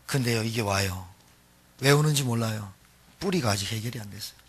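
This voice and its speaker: Emphatic, husky-voiced man preaching. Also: lowish voice, brisk. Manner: emphatic preaching with call-and-response questions to the congregation. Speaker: pastor. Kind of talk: sermon.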